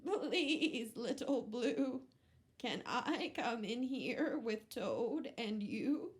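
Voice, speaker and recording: A woman's voice: on the high side, animated, extremely slow, pitched above the performer's own voice. A woman voicing a timid goat in a picture book. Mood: pleading. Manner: pleading, then bravado. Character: timid goat trying to seem brave.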